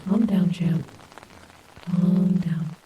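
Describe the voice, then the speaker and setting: A woman's voice: on the low side, extremely slow, muffled recording, noisy background. A woman voicing a hot-tempered but protective female animatronic wolf in an audio roleplay, sarcastic and blunt. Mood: soothing.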